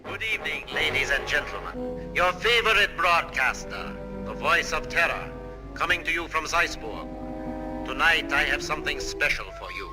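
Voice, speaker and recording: Sneering enemy broadcaster, slightly high, over loud music from an old film soundtrack. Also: male voice, sing-song. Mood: taunting. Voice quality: taunting, measured. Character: sinister male propaganda broadcaster, mocking and cold. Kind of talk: 1940s film acting.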